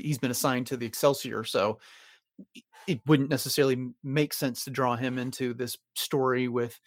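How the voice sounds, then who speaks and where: Guy on a podcast, mid pitch, kinda hesitant, lots of "I, I", dry sound. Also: no echo. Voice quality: measured, hesitant, repeats words as he thinks. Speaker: podcast co-host. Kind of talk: casual podcast discussion.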